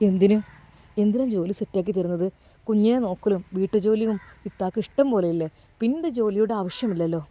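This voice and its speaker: A woman's voice: mid-range voice, fast, mellow, lightly acted. A woman voicing a kind, earnest young man who protects his brother's widow, with a Malabar Malayalam accent. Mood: earnest, firm. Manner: earnest, firm and reassuring.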